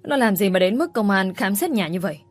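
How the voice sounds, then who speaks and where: A woman's voice: mid-range voice, animated, fairly quick, faint music behind, natural voice. A woman reading the lines of a tearful elderly mother, anxious and pleading. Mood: worried. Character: worried tearful old mother.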